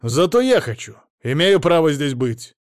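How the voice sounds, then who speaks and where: A man's voice: a little high, very animated, normal speed, dry recording, pitched above the performer's own voice. A man voicing a scheming, greedy middle-aged ex-husband who talks pushily in an audiobook, in a dry room. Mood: angry. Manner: smooth-talking, pushy.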